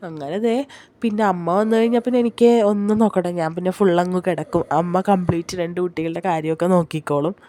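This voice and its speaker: Feverish young mother, mellow chatty vlog. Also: fairly low pitch. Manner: chatty and rambling, often turning to the viewers. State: feverish and unwell. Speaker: family vlogger, mother of two small children. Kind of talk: casual vlog chat to viewers. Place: hospital room.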